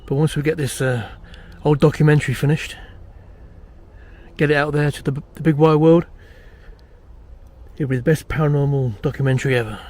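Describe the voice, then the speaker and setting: A man's voice: a little high, steady tone, normal speed, pauses often, a little mellow, lightly acted. A British man acting as a boastful, uneasy amateur ghost hunter, rambling self-importantly to camera in a found-footage horror film. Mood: boastful, nervous. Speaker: paranormal investigator presenting a documentary.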